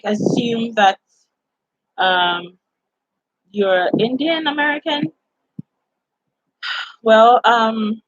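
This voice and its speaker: A woman's voice: medium pitch, no room sound, dull audio. A woman from Ghana with a Ghanaian accent hosts a casual live-stream chat, answering viewers in a chatty, inviting way and filling her talk with "like" and "you know.".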